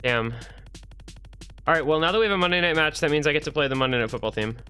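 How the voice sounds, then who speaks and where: A young man doing casual esports commentary, teasing and quick to react. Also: on the high side, sharp tone, clean tone, soft background music. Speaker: tournament commentator.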